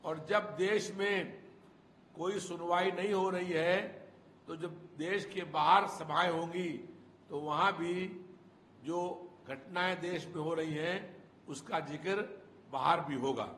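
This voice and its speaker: An older man, a party spokesman, giving an emphatic, measured political statement into a handheld press mic indoors. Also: fairly high pitch, fairly even intonation, a bit bright. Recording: echoey room with faint noise.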